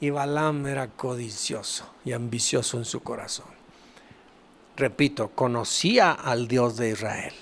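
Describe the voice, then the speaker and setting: A man's voice: mid-range voice, unhurried, fairly bright tone. A man, a pastor, preaching a sermon and animatedly retelling a Bible story. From Mexico.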